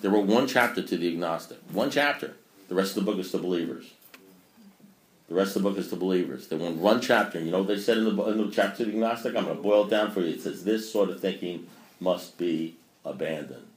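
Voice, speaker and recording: He has a low voice and talks fast. The speaker, a man in his sixties, gives a rambling, preachy talk at a recovery meeting, often mocking himself, recorded in an echoey meeting room.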